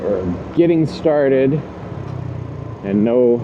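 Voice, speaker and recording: Rambling man vlogging on a scooter, loud road noise. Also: mid-range voice, lively intonation, drawn-out words. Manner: rambling, thinking aloud while riding a scooter. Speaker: delivery rider hosting his own video channel. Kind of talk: casual vlog chat while working. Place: outdoors on a scooter on streets. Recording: dull audio, loud outdoor road noise.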